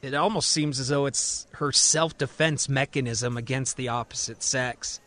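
A man's voice: medium pitch, fairly even intonation, normal speed, fairly bright tone. A man narrating his own audio drama in a conversational, recapping storyteller manner. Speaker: writer and narrator.

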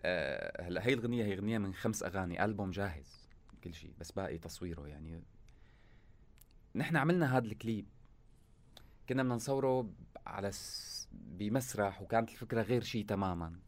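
A man with a lowish voice and a Syrian Arabic accent speaks expressively and quickly as a musician guest in an interview. He talks casually and colloquially, in short bursts.

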